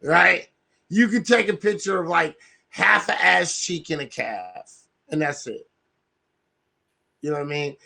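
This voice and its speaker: Guy ranting on his livestream, slow and raspy, high-ish voice, lots of "right?". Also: bright, forceful tone. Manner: rambling, profane, keeps asking "right?". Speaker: livestream host. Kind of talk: casual livestream rant.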